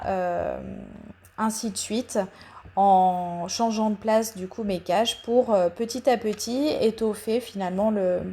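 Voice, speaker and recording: A woman talking through a paper craft tutorial in a voice-over, hesitant, with many pauses and fillers, explaining each step patiently. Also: medium pitch, warm tone.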